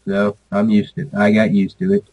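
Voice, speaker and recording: A man's voice: on the low side, completely flat delivery, moderate pace, a little mellow, breathy edge, poor audio. A young man chatting casually and bluntly while gaming over a call, teasing and swearing.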